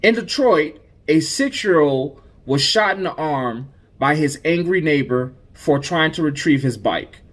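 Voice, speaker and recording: Male podcast host, news commentary, indignant and emphatic, keeps restarting, pitch swinging up and down. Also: animated, measured pace, few pauses.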